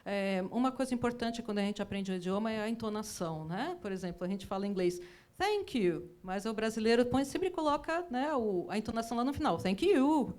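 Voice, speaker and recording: A woman's voice: a little high, animated, fairly quick, a little mellow. A woman, an English teacher guest on a TV talk show, explaining patiently and often checking with "né?". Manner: explanatory, often adds tag "né?".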